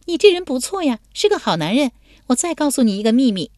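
A woman voicing a bright, teasing young woman. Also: high voice, big pitch swings, fast talker, no room sound, clean studio sound, voice pushed up. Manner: perky and teasing, then sharply scornful.

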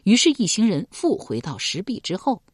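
A woman narrating a historical novel with expressive, dramatic storytelling. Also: medium pitch, normal speed, slightly rough, no echo, studio quality. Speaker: audiobook narrator.

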